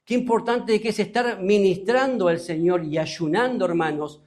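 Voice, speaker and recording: Man, Uruguayan accent, pastor's sermon, fairly high voice, reads verses aloud, asks the congregation questions. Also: darkish tone. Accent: Uruguayan Spanish. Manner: preaching with rhetorical questions, addressing the congregation; reads scripture aloud slowly.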